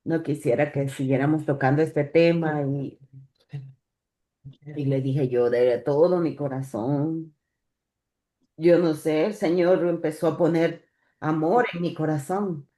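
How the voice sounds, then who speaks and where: Low, mellow-voiced woman giving church testimony. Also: fairly even intonation. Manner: halting, with many restarts and repeated words. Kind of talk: personal religious testimony. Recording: echoey church room.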